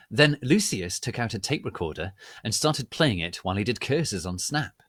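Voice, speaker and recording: Hammy, slow, theatrical male narrator. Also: fairly low pitch, a bit bright, slightly rough, no echo, clean studio sound. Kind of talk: dramatic reading of fan fiction.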